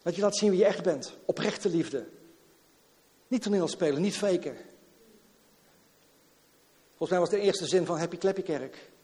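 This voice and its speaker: A man preaching a sermon to his church, lively and repetitive, slipping in English catchphrases. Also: sits high, moderate pace, pauses often, big-room sound. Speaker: pastor. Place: church hall.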